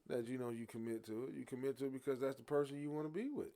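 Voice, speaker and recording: A man co-hosting a live radio podcast, animated and trash-talking in casual debate. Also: mid-range voice. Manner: rapid, animated, playful trash talk. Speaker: podcast co-host.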